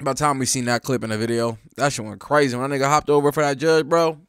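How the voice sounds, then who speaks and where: A man hosting a reaction video, talking in excitable slang and laughing often. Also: mid-range voice, quick pace, clear, resonant tone, no echo, studio quality. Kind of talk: casual reaction commentary.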